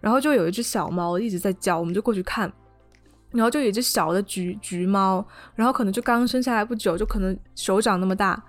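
A woman's voice: medium pitch, quick pace, faint music behind. A woman co-hosting a podcast, telling a story in casual chat and often checking in with her listeners. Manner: chatty, keeps asking "you know?". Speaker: podcast co-host.

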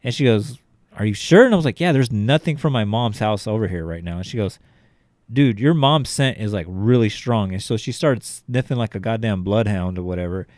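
A man's voice: on the low side, animated, fairly quick, darkish tone, dry recording. A young adult man, a podcast co-host, telling a rambling, profane story in casual chat, full of fillers like "you know" and "like".

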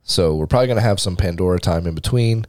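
A man's voice: low voice, fast, darkish tone, dry recording, studio quality. A man in his thirties co-hosting a casual podcast, with a nasal voice, joking crudely and laughing. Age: 30s. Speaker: podcast co-host. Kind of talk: casual explicit chat.

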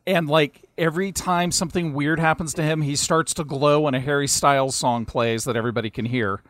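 A man's voice: on the high side, steady tone, fairly quick, fairly bright tone, no room sound. A man chatting casually as a panelist on a talk show. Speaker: podcast panelist. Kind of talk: casual chat.

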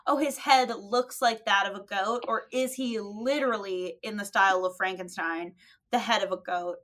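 A woman's voice: mid-range voice, moderate pace, a bit bright. A woman co-hosting a chat podcast, asking playful, curious questions. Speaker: podcast co-host. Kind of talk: casual chat.

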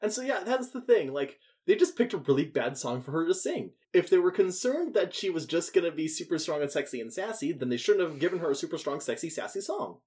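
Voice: medium pitch, very animated, a little fast, hardly any pauses, darkish tone. A podcast co-host recapping a TV episode in casual, wry and playful chat.

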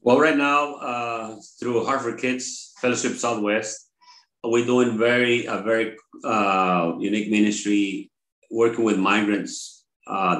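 An older man from Mexico, a pastor, talking in an interview in a halting way with many pauses and fillers. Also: on the low side, a bit bright. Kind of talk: conversational interview. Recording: roomy echo.

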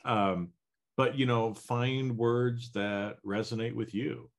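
A man's voice: mid-range voice, fairly even intonation, slow. A middle-aged man co-hosting a podcast, talking in a loose, rambling way with lots of fillers and restarts. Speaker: podcast co-host. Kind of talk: casual chat.

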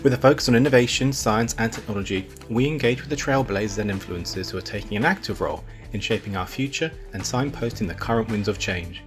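Deep, slightly croaky male podcast host. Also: quick pace, hardly any pauses, soft background music. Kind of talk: scripted podcast introduction.

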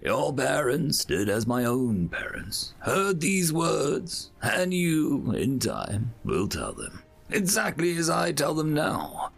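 A man voicing an aged alien elder who tells a legend in a slow, solemn, hushed way. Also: a little high, very animated, gravelly, breathy edge, soft background music, voice pushed up, heavily acted. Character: old alien elder telling a sacred legend.

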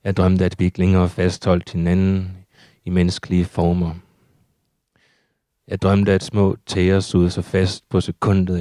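A man reading his own surreal prose poetry aloud in a steady, measured recitation. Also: low-pitched, no echo, studio quality.

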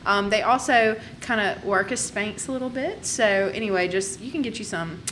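A woman co-hosting a podcast, chatting casually with quick joking asides. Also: mid-range voice, fairly bright tone, slight background noise. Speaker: podcast co-host. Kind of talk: casual chat.

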